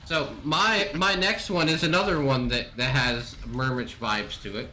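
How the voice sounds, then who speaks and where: A man's voice: mid-range voice, fairly even intonation, a little slow, bright, forceful tone. A man hosting a gaming podcast in casual chat, enthusiastic and exclamatory as he runs through his picks. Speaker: podcast host.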